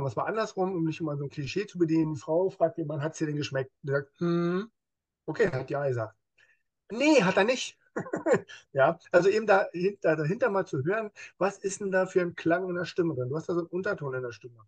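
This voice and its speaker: Husky male guest, fairly high pitch, lively, acts out quotes, police officer type. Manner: lively, acts out quoted speech in other voices; explains with everyday examples. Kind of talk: casual interview talk.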